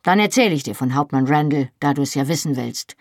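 A woman's voice: low voice, expressive, brisk, no echo, clean studio sound. A woman reading the part of a fierce young woman who speaks sharply and sarcastically.

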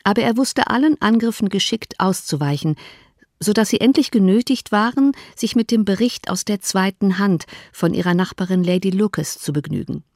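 A woman narrating a classic novel as an audiobook in an even, measured way. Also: mid-range voice, no echo, clean studio sound. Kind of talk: scripted narration.

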